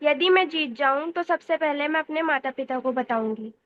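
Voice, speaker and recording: A female student reading out her practice sentence and its translation in class, slowly and carefully. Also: high-pitched, highs cut off.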